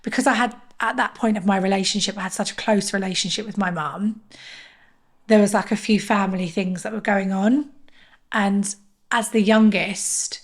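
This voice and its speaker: A woman in her thirties, a podcast guest telling a personal story in an earnest, emotional way, often halting and restarting. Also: mid-range voice, fairly even intonation.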